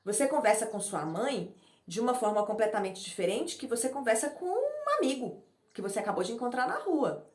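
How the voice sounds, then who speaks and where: A middle-aged woman teaching an informal online class on speaking to camera. She demonstrates breathing and acts out quoted messages in a chatty, lively way. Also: on the high side, a little fast, echoey room. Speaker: speaking coach. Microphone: camera in front of her.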